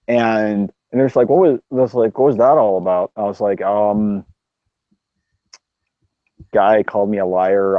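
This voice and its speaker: A man's voice: lowish voice, dry recording. A man in casual, profane chat on a group livestream, laughing often and swearing freely. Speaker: stream co-host. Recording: dry, muffled call audio.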